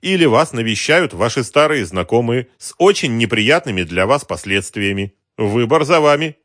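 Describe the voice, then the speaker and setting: A man's voice: mid-range voice, animated, normal speed, a bit bright, no echo, studio quality, voice pushed up, lightly acted. A man voicing a polite, mocking racketeer in a suit who talks down to a shopkeeper. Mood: cold, mocking. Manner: mocking, coldly courteous. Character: sly polite middle-aged male racketeer in a suit.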